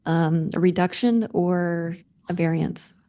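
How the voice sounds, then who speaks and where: A woman serving as chair pro tem on a city board, speaking in a brisk, practical way. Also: fairly low pitch, warm tone. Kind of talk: public meeting discussion.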